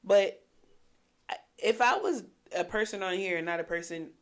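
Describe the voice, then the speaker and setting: A talkative woman co-hosting a podcast in casual, animated chat, with plenty of slang and swearing. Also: mid-range voice, normal speed, clear, resonant tone. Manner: animated, amplified on the show. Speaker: podcast co-host.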